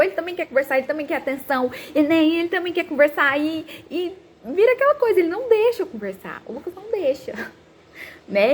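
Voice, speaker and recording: A psychologist in her thirties gives an animated parenting talk, acting out the parents and children she quotes. Her voice sits high.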